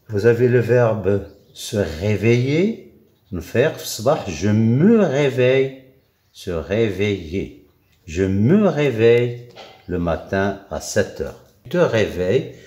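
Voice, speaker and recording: Low-voiced Moroccan-accented male teacher. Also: warm tone. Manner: drills forms slowly with many repeats and fillers. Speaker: French teacher. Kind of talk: classroom grammar lesson. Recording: echoey room.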